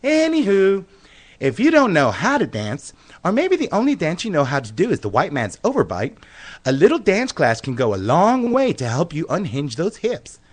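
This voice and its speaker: A man's voice: a little high, wildly swooping pitch, moderate pace. A man playing a flamboyant, flirtatious male dance instructor who gushes giddily, in a comedy radio sketch. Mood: giddy. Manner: gushing, giddy and flirtatious.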